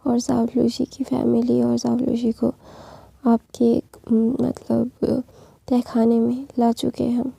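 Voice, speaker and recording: A woman's voice: fairly high pitch, completely flat delivery, slow pace, creaky, mellow, breathy edge, dry recording, full character voice. A woman voicing a deferential male assistant in whispered role-play, reporting to his boss.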